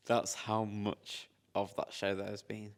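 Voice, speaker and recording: Laid-back young man, low voice. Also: monotone, slow pace. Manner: rambling storytelling full of fillers and slang. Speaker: podcast co-host. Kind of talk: casual chat.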